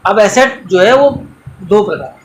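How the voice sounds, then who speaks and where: A man's voice: high voice, lively intonation, a little slow, echoey room, a little hiss or hum, poor audio. A man teaching an accounting class in a coaching centre, lecturing in a mix of Hindi and English and quizzing students with everyday examples.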